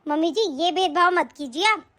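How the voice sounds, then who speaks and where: Very high whiny elder bahu from a cartoon story, always complaining, woman voicing her. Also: a little fast, pushed and bright. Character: lazy, quarrelsome elder daughter-in-law, young woman. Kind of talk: cartoon voice acting.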